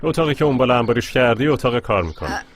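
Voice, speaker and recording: A man's voice: mid-range voice, very animated, slight background noise, close to an everyday voice. Guy voicing a curt impatient young man, no patience at all. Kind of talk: dubbed TV drama.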